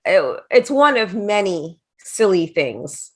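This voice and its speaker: Speaking slowly but in a very animated way, a middle-aged former wrestling manager chats through anecdotes as an interview guest, now and then putting on the voices of people she quotes. Her voice sits in the mid-range, and the interview is casual.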